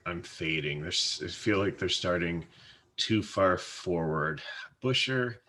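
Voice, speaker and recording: A man's voice: low voice, sharp tone, a little hiss or hum. A man co-hosting a casual fantasy sports podcast, talking in a hesitant way with frequent restarts and fillers. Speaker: co-host, fantasy sports analyst.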